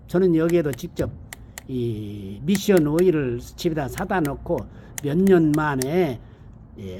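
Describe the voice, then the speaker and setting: A man giving an unscripted hands-on car maintenance demonstration, explaining step by step in a halting, repetitive way. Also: a little high, warm tone. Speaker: presenter of a car maintenance how-to video. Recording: amateur recording with background ambient noise.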